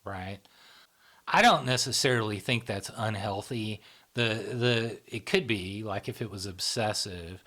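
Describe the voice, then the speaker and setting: This middle-aged man, who founded and hosts a psychology channel, speaks a little slowly in a lowish, sharp-toned voice during a casual interview. His talk meanders with filler words and frequent "right?" and "you know?" check-ins.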